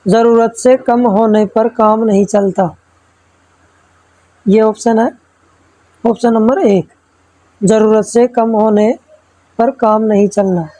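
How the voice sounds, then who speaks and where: A woman's voice: on the high side, fairly even intonation, takes it slowly, long pauses, warm tone, dry recording, low-quality recording. A woman teacher going through exam practice questions. She reads each question, then explains the answer step by step and keeps checking in with the listener. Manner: checks in with frequent tag questions. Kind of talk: exam-prep lesson.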